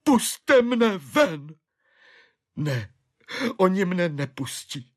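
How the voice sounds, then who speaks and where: A man's voice: medium pitch, animated, vocal fry, darkish tone, pitched above the performer's own voice. A man voicing a despairing middle-aged clerk and father, who pleads and wails in self-pity. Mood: desperate. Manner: wailing, pleading, self-pitying.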